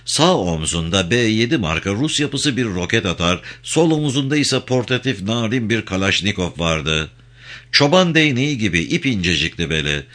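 A man's voice: lowish voice, sharp tone. A man narrating a novel in a dramatic storytelling manner. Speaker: audiobook narrator.

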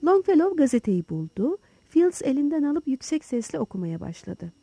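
A woman narrating an audiobook with expressive storytelling. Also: high voice, normal speed, vocal fry, no room sound. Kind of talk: scripted narration.

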